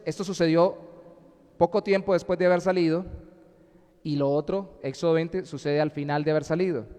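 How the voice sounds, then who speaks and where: Pastor preaching in a reverberant church. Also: male voice, fairly high pitch, darkish tone. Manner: reads scripture aloud and explains it, deliberate. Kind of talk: sermon. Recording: live stream in a reverberant church.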